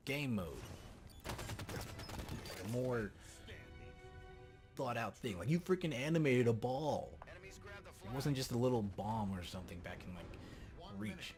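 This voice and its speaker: A man giving casual, unscripted gameplay commentary, rambling and complaining in an exasperated way with emphatic repeats. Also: mid-range voice. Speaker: gamer commentator.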